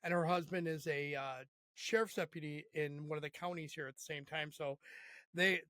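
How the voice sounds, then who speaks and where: A man with a somewhat high voice hosts a podcast interview, friendly and prone to winding questions. His voice sounds close and dry, with no room around it. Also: fairly even intonation, normal speed, a bit bright, no echo. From Chicago area. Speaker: podcast host. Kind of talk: conversational interview.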